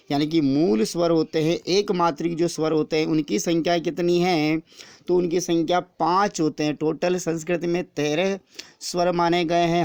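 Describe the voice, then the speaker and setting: A man's voice: a little high, creaky, dry recording. A man teaching an exam-prep grammar lesson, explaining step by step and repeating each answer after asking the question himself.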